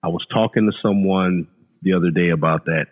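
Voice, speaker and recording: Here a man in his late thirties, a podcast guest, speaks briskly with a deep voice and steady tone in casual conversation. He tends to repeat words and say "you know," and the recording has a phone-like remote quality with long reverb.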